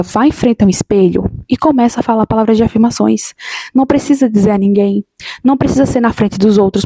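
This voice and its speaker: Woman, husky mellow voice, dry close sound, emphatic motivational vlog talk. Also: mid-range voice, dry recording. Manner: emphatic, repetitive, addresses viewers directly as "gente". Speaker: motivational video host. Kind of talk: casual motivational talk to camera.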